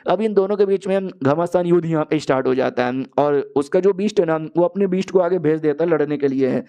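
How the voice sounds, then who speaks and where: Brief: chatty young male recap narrator, mellow yet high-ish voice. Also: brisk, vocal fry, clear, resonant tone. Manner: chatty, addresses listeners as brother. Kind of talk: casual storytelling recap.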